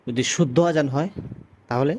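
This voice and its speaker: A man from Bangladesh teaching how to pronounce the call to prayer, explaining patiently and stopping often to chant long, drawn-out example phrases. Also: medium pitch, steady tone, darkish tone, slight background noise. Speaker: azan teacher. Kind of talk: recitation lesson with chanted demonstrations.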